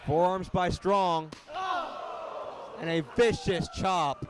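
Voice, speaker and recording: A man's voice: high voice, steady tone, slow, a crowd in the background. A man working as a wrestling play-by-play commentator, calling the match live in emphatic, clipped phrases. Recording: noisy arena recording.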